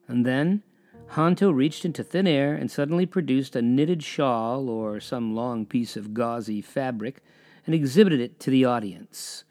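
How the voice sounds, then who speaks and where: A man's voice: mid-range voice, no echo, faint music behind. Man narrating an eerie history. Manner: measured, dramatic pauses, drops to a hush on eerie details. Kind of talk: scripted storytelling narration.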